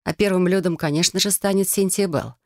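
A woman's voice: lowish voice, brisk, dry recording, clean studio sound. A woman narrating a first-person fantasy romance audiobook in a sardonic, sarcastic manner.

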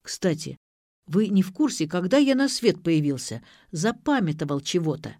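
A woman voicing a confused, meek alcoholic father who talks slowly and simply, like a child, in an audiobook. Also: fairly low pitch, sing-song, mellow, no room sound, clean studio sound. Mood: dazed. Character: dim-witted middle-aged alcoholic father, meek.

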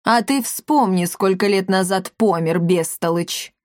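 A woman voicing a gruff, menacing old male ghost general in a storybook, roaring out threats slowly. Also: mid-range voice, no room sound, studio quality, natural voice.

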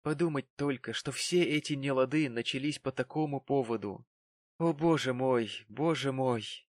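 A man's voice: mid-range voice, normal speed, dry recording, studio quality, close to an everyday voice. A man reading the part of a pompous, self-pitying middle-aged father with a sanctimonious manner in a storybook reading. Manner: sanctimonious, turning to angry shouting.

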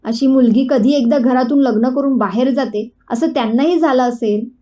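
A cocky, scornful young man trades barbs in a storybook tale, put on by a woman narrator. The voice sits high and mellow, with a taunting, mocking edge. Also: normal speed, close to an everyday voice.

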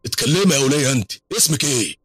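Man doing cruel mocking thug, Egyptian accent, barking high voice, fast delivery. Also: big pitch swings, pushed and bright, breathy edge, no echo, studio quality, faint music behind, exaggerated voice. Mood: scornful. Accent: Egyptian Arabic. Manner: scornful, barking. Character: cruel, mocking male henchman with a whip.

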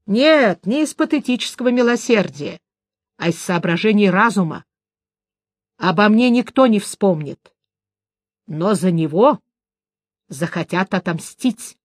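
A grim, weary male witcher, voiced by a woman reading an audiobook. He speaks gravely and bluntly at a slow pace. The sound is dry and close. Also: medium pitch, expressive, dry recording. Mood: urgent.

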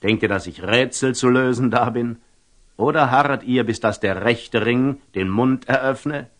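An actor playing a wise, calm merchant and eloquent storyteller in a classical radio drama, speaking with rhetorical, deliberate emphasis. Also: male voice, medium pitch, close to an everyday voice. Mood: solemn, admonishing. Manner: rhetorical, deliberate, with emphatic rises and hushed drops.

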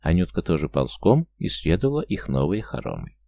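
A man narrating an audiobook in an even storytelling manner. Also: low voice, a little fast, no echo. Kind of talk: scripted narration.

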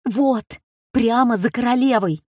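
A narrating woman doing an excitable middle-aged lady in a storybook reading, her voice climbing high and husky. She talks in breathless exclamations and urgent calls, always worked up. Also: measured pace, dry recording, clean studio sound. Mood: agitated.

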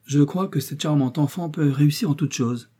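A man reading a fond old country gentleman. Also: fairly high pitch, normal speed, breathy edge, pitched above the performer's own voice. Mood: doting. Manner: warm, doting.

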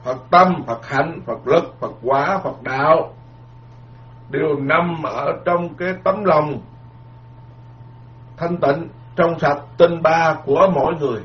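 A male Buddhist monk preaches a dharma talk in a fairly high voice, repeating words and leaning on homely proverbs. The sound is dull and lo-fi, as on an old lecture tape. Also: slow. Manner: repetitive, folksy, emphatic with proverbs.

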